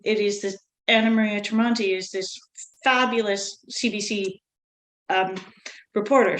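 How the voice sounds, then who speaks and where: A woman's voice: mid-range voice, poor audio. A woman in the audience asking the guest a question over a video call, enthusiastic and curious. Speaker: audience member. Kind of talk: virtual Q&A question.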